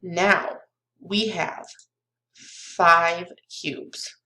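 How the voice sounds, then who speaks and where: A woman's voice: lowish voice, steady tone, very slow, bright, forceful tone. A young woman giving a recorded lesson to small children like a kids show host, in simple, encouraging words, asking questions and counting along. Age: young adult. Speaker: kindergarten math teacher. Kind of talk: recorded children's lesson, talking directly to pupils. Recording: roomy, echoey webcam sound.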